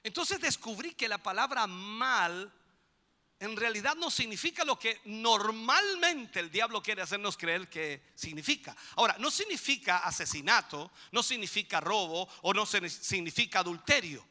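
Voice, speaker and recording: Male pastor, high sharp voice, preaching in a reverberant church, rises to shouts. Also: animated, moderate pace. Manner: builds to shouting peaks, calls for amen. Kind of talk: sermon.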